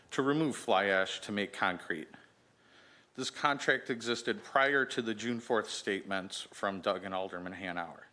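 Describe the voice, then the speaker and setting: A man giving a pointed public comment at a city council meeting, reading deliberate prepared remarks. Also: lowish voice, sharp tone.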